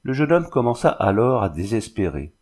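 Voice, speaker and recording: A man reading a novel aloud as steady scripted narration, lifting his voice a little for the characters' lines. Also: lowish voice, moderate pace. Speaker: audiobook reader.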